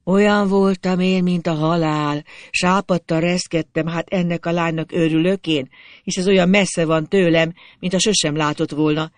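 A reader narrating a literary story in the first person, expressive and melancholy. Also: medium pitch, no echo.

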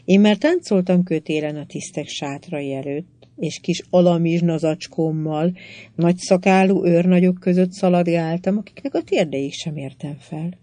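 A bold, scheming Indian queen, as a woman reader puts her on in an audiobook, frank and passionate. She speaks higher and louder than the narration, with a lively sweep. Her voice stays lowish in its base. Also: no room sound, close to an everyday voice. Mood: pleading. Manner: passionate, teasing, then pleading. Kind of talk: audiobook reading.

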